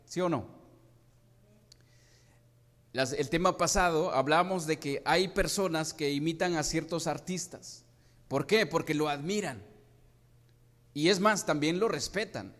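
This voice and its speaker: A man preaching a sermon to his congregation, often asking them questions and restarting his phrases. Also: a little high. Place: church hall. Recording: long hall reverb.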